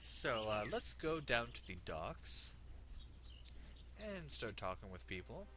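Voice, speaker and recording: A man gives casual, joking commentary as a let's play host. His voice is bright and animated, at an average male pitch, with faint noise behind it. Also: slow pace. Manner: joking, reacts aloud to the game.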